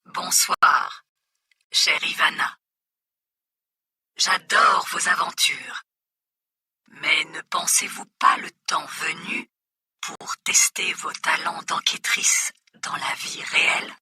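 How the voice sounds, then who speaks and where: A woman voicing a masked mysterious stranger who speaks in a disguised, distorted voice, breathy and half-whispered in a storybook reading. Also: low voice, takes it slowly, pauses often, bright, forceful tone, dry recording, clean studio sound, full character voice. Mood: taunting. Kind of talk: storybook narration.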